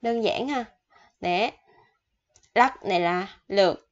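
A woman talks through a vocabulary lesson in an unhurried, chatty way, saying each word twice before she explains it. Her pitch sits in a middle range. The recording sounds dull and lo-fi. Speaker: Korean language teacher.

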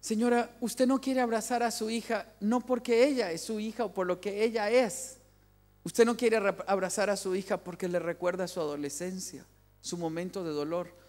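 A man's voice: high-pitched, fairly even intonation, moderate pace, darkish tone. A man giving an emphatic family sermon in a large church hall, repeating key phrases for weight. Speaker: family speaker.

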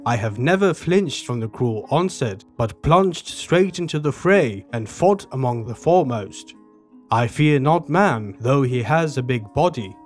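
Man reading a proud boastful mouse warrior, storybook tale, grand formal recitation, middle pitch, soft music behind. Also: close to an everyday voice.

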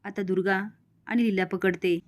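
A woman narrates a recap of a TV serial episode. She moves along at a quick, steady clip and reads each character's lines in the same plain voice she uses for the story. Her pitch sits in the ordinary middle range for a woman.

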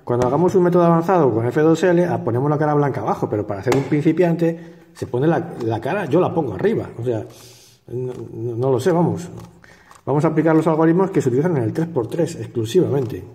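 A man's voice: a little high, animated, fast talker, dark tone, big-room sound. A man with a Spain Spanish accent hosting a puzzle cube tutorial, talking casually and sardonically, chuckling often and rambling with restarts.

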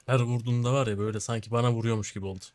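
A young man hosting a casual co-op gameplay session, bantering in slangy, relaxed talk with a friend. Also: mid-range voice, very fast. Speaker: gaming channel host.

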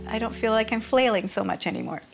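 A woman's voice: on the high side, expressive, quick pace, creaky. A woman in her forties, a nervous home cook, chatting in a self-deprecating way in a home kitchen. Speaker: home cook on a makeover show. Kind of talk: casual chat. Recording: music bed under the voice. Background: music.

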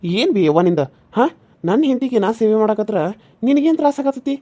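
A woman voicing a gentle young village husband in a cartoon serial, earnest and pleading, with a North Karnataka accent. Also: a little high, expressive, a little fast. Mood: frustrated. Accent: North Karnataka Kannada.

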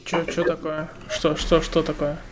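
A man's voice: a little high, monotone, a little slow, loud music behind the voice. A man in his twenties chatting and joking with strangers over a video call, laughing often. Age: 20s. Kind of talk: casual video chat. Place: indoor room, seated in a chair. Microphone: webcam video call.

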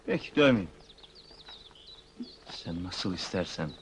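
An actor playing a hot-headed young minibus driver, blustering and threatening, in a 1970s film. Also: male voice, sits low, lively intonation, slow, slight background noise. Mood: smooth-talking. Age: young adult. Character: hot-headed young neighborhood ladies' man.

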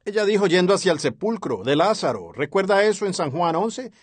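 A man's voice: sits high, very animated, fairly quick, breathy edge, no room sound. A man dubbing a sermon as an interpreter, earnest and following the preacher's rhythm, on a close studio mic. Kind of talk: dubbed sermon translation.

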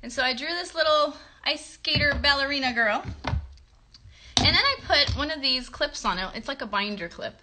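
A woman in her thirties with a high, animated voice speaks at a moderate pace over a noisy background. She is a children's puppet show host, casually leading a craft demonstration in her bedroom and encouraging young viewers with questions. Her phone records from about arm's length away.

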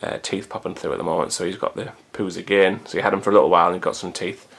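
Talking very fast in a steady, fairly bright tone, a deep-voiced vlogger in his thirties rambles chattily to the camera. Recorded on a camcorder's built-in mic in a hot room at home, his low voice carries a gravelly fry and casual, offhand swearing.

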